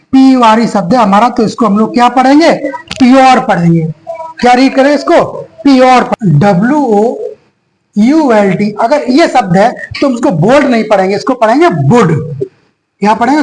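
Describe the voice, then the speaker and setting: A teacher giving a phonics lesson to young children, spelling words out letter by letter, asking a question and then answering it in a lower voice. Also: darkish tone, a little hiss or hum, rough recording. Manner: slow, repetitive drilling, spells out letters one by one.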